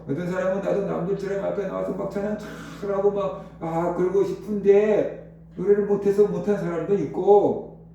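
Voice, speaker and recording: A man preaches a sermon to his congregation, pressing his points with rhetorical questions. His voice is pitched fairly high but sounds mellow and dark. He is heard from a distance across a very reverberant hall with a faint hum beneath. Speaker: pastor. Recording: very echoey hall, voice from far off.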